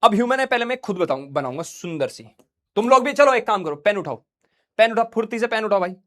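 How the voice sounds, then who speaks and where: Playful high-voiced male science teacher. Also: lively intonation, quick pace. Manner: playful, acts out scenes, teasing students. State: unwell. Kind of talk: online class lecture.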